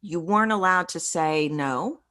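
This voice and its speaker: A middle-aged woman, a voice coach, telling a personal story in an interview in an earnest, reflective way with halting restarts. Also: fairly low pitch, a bit bright. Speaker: podcast guest, voice coach.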